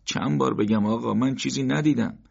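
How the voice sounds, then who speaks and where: A man's voice: medium pitch, vocal fry, a little mellow, breathy edge, pitched above the performer's own voice. A man voicing a frightened older male shopkeeper who pleads and defends himself, in an audiobook. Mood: defensive. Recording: dull lo-fi recording.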